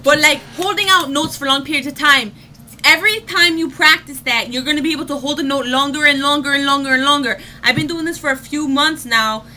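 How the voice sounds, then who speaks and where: Chatty bright-voiced young woman vlogger. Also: high voice, a little fast. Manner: chatty, many fillers, bursts into sung demo notes. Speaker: vlogger giving voice tips. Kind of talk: casual vlog lesson.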